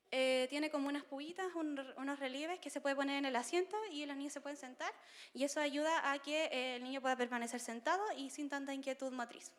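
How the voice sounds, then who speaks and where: A woman's voice: sits high, big-room sound. A woman giving a conversational seminar talk to parents, often checking in with her listeners. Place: seminar room.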